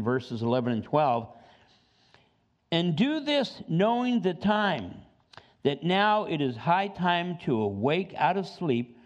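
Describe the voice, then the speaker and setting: A pastor in his seventies preaches an animated sermon, his voice at an ordinary middle pitch that climbs sharply when he presses a point. He drops in joking asides between scripture readings. The church recording sounds dull and lo-fi. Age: 70s.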